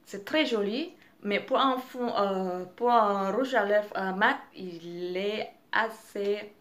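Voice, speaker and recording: Young woman, non-native French speaker, unhurried, halting beauty-vlog review full of fillers and restarts. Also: medium pitch, a bit bright. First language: not French. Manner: hesitant, many fillers and restarts. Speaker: beauty vlogger. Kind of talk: casual product review.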